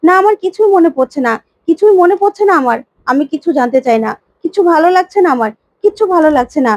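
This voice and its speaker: A confused man who cannot remember his past, bewildered and irritable, as a woman storyteller puts him on. The voice is high and sounds dry and close. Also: lively intonation, fast, darkish tone, no room sound, muffled recording. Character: confused father who has lost his memory, a man.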